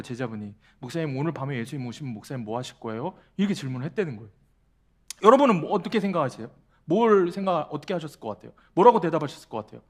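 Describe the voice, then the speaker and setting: A male pastor giving a sermon to young adults, asking the congregation repeated questions and telling a humorous personal story. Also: fairly high pitch. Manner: tells a humorous personal story with quoted dialogue.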